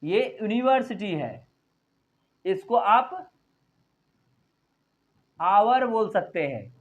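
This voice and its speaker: An earnest male teacher explaining grammar to his viewers, who repeats his points and spells words out letter by letter as he writes on the board. His voice sits high for a man. The recording is dull and lo-fi. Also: big pitch swings, extremely slow. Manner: earnest, repetitive, addresses viewers as "my friend". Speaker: English teacher. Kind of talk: Hindi-language grammar lesson at a board.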